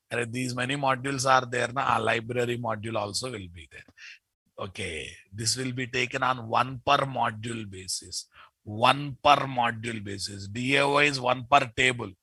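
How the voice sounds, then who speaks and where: Forceful Telugu-accented Indian man teaching. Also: mid-range voice, slightly rough, no room sound, poor audio. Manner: emphatic, repeats key phrases, checks understanding with questions. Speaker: programming instructor. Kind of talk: live online class lecture.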